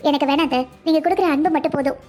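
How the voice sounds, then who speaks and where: A woman's voice: high-pitched, very fast, dark tone, faint music behind, natural voice. A woman voicing a young bride in a cartoon, polite but firm, with a pleading tone. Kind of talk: cartoon dubbing.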